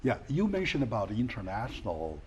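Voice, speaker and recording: A man hosting an interview show, speaking in a halting way with many fillers and restarts. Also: fairly low pitch, big pitch swings, highs cut off, slight background noise. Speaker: talk show host. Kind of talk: casual interview.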